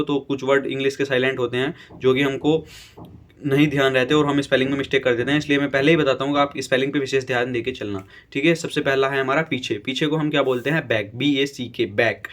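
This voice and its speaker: A man teaching English vocabulary, slowly spelling each word letter by letter and often checking in with his viewers. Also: mid-range voice, level tone, fairly bright tone. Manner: spells words letter by letter, repeats "theek hai". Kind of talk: slow dictation-style vocabulary lesson.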